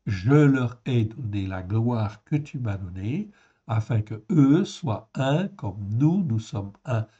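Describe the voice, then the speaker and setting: A man's voice: medium pitch, dark tone, breathy edge, highs cut off. A man giving a Bible study lesson, explaining word by word and checking in with "ok?" as he goes. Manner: slow and explanatory, with frequent "en fait" and "ok?". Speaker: Bible teacher.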